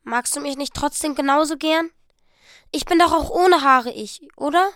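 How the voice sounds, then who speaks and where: A woman reading the part of a young wife who pleads eagerly with her husband, her voice raised higher and louder. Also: normal speed, dry recording, studio quality. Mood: pleading. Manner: breathless, pleading and excited.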